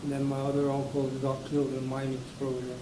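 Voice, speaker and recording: A man in his seventies from New Mexico, recalling his family's mining past in a halting way with many restarts. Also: mid-range voice, completely flat delivery. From Raton, New Mexico, US. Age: 70s. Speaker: interviewee. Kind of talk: casual recollection. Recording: echoey room with background noise.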